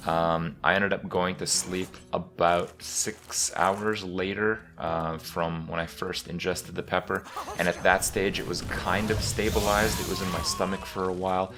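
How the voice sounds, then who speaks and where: Male gaming host, deep voice, casual and rambling, halting delivery. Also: little pitch movement. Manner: halting, rambling, with many pauses and repeats. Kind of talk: casual retrospective commentary.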